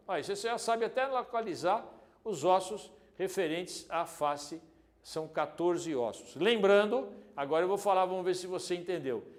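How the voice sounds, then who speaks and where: Lively high-voiced male teacher. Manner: lively, joking, talks straight to the student, wide swings in loudness. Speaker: exam prep teacher. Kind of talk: recorded video lesson on anatomy.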